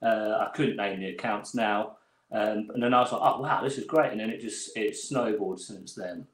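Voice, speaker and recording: A man's voice: lowish voice, fairly even intonation, moderate pace. Englishman with a roomy echo. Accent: southern English. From England. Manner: laughing, rambling storyteller. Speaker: guest toy photographer. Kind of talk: casual chat.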